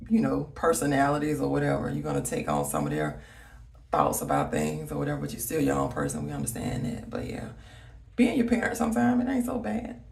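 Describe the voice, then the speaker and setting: This Alabama vlogger's voice rumbles low, gravelly and darkish, with huge pitch swings and a fairly quick pace. Speaking with a Southern accent, she reminisces and rambles casually straight to her viewers. She's far from the mic, slightly off it, in a room with a roomy echo.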